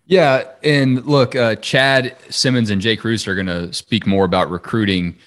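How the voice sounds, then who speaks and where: A man with a fairly low voice co-hosts a football podcast. He talks in a loose, chatty, upbeat way, joking as he goes. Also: steady tone, a little slow. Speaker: sports podcast co-host. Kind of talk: casual sports talk.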